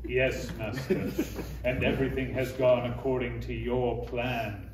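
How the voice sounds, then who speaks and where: A man playing a haughty, menacing villain count in a comedy table read, with pompous, deliberate delivery. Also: mid-range voice, little pitch movement, close to an everyday voice. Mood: smug menace. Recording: roomy, distant mic, faint noise.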